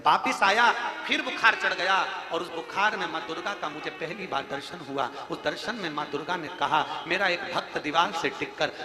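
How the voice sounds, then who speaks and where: Gentle, tearful elderly holy teacher, soft confessional tone, high voice in an echoey hall, voiced by a male preacher. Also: moderate pace, close to an everyday voice. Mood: tender. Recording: echoey hall with music behind.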